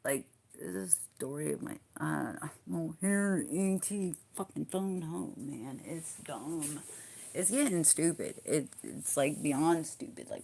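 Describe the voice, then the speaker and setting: A woman's voice: sits low, gravelly, darkish tone, husky. A woman chatting casually on a livestream, rambling and swearing freely as she talks to her viewers and answers their comments.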